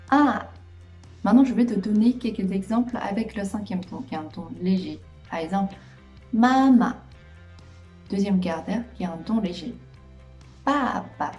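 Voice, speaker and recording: A woman giving a patient, clear video lesson, stretching out example sounds as she explains. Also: mid-range voice, warm tone. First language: Mandarin Chinese. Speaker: Chinese language teacher.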